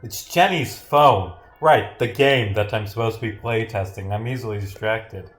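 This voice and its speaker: With a lowish voice at normal speed, a man streams himself playtesting a game he develops. His commentary is loose and rambling, he reads the on-screen text aloud, and he frequently interrupts himself with dry humor over the game's music.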